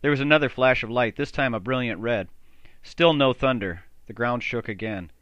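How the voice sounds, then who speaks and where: A man's voice: moderate pace, fairly bright tone, no room sound, highs cut off. A man reading a novel aloud as an audiobook narrator, lifting his voice for the characters' dialogue. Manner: raises pitch and volume for dialogue.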